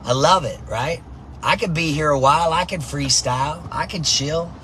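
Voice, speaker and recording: A man coaching softball who talks in an energetic motivational monologue, tagging his points with "right?" and "man", recorded in a car. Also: a little high, normal speed, a little hiss or hum.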